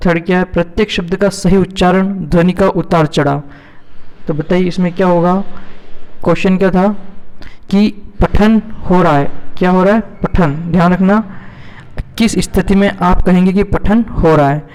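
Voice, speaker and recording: A man's voice: high-pitched, moderate pace, darkish tone, clear, resonant tone. A male teacher going through multiple-choice exam questions, repeating each question and then answering it himself. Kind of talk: exam-prep lesson, reading out and explaining multiple-choice questions. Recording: hall reverb.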